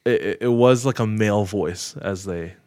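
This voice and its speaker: A man casually retelling a story on a podcast, measured and full of filler words. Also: on the low side, a little mellow, no echo, studio quality. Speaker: podcast host telling a story.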